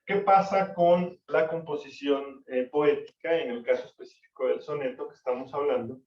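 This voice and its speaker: A male literature teacher, lecturing an online class, counting syllables slowly and checking for understanding. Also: fairly high pitch. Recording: echoey, distant, dull-sounding mic.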